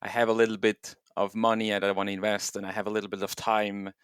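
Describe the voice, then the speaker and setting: A middle-aged man with a lowish voice speaks as a guest. He talks in a loose, thoughtful way, full of ums and restarts. The recording is close and dry. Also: level tone, fast talker, smooth, no room sound. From Switzerland. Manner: thoughtful, loose phrasing with many fillers. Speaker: guest, software engineer and home miner. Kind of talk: casual interview talk.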